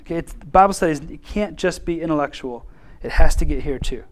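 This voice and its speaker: A man teaching a Bible class in an informal, animated way, acting out quotes and laughing often. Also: on the high side, fairly quick.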